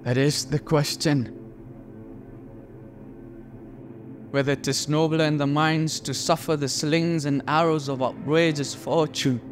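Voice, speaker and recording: A man with a slightly high, nearly everyday voice plays a melancholy, brooding prince in a theatrical Shakespearean monologue. He speaks deliberately, letting dramatic pauses hang.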